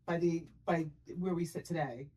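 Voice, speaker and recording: Playful, lower-voiced woman podcast host. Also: moderate pace. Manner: playful, laughing, animated when telling stories. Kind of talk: casual chat.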